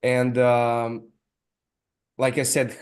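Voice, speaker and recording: A man from Serbia with a Serbian accent, hosting a casual podcast interview in halting speech full of restarts. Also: mid-range voice, completely flat delivery, clean tone. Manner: halting, many restarts and fillers. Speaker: podcast host.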